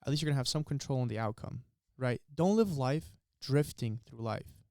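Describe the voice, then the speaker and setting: A man's voice: mid-range voice, animated, normal speed, warm tone, no room sound, studio quality. A man in his early twenties co-hosting a podcast, talking in an earnest, motivational way. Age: 20s. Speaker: podcast co-host. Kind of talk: casual chat.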